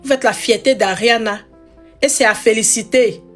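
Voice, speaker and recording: A woman's voice: fairly high pitch, moderate pace, faint music behind. A woman from Ivory Coast hosting a live stream, teasing and scolding her viewers with much repetition. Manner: scolding, playful, repeats phrases.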